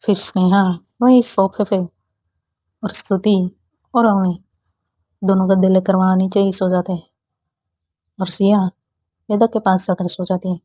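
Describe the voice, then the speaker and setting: A woman narrating a romance story in a calm, unhurried reading. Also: medium pitch, no echo.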